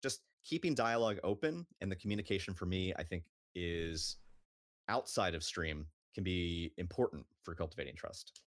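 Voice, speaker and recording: Deep voiced guy, streamer chatting unscripted and thoughtful, dry close sound. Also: lively intonation, normal speed, no room sound. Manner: thoughtful, explaining with examples. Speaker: streamer on a panel. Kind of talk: natural unscripted talk.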